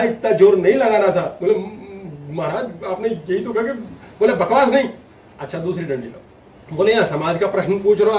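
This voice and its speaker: A man's voice: high voice, darkish tone. A man giving a spiritual discourse to a live audience, telling humorous stories, acting out voices and laughing often. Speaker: spiritual teacher. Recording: echoey room, distant mic, faint noise.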